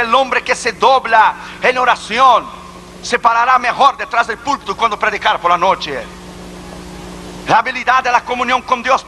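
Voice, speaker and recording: A man's voice: very high-pitched, pushed and bright, rough recording. A middle-aged man preaching a sermon as an evangelist, emphatic and full of rhetorical questions.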